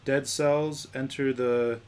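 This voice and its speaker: A young man in his twenties co-hosting a podcast, talking in a relaxed, offhand way and often trailing off. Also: mid-range voice, slow, clear, resonant tone. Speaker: podcast co-host. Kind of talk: casual chat.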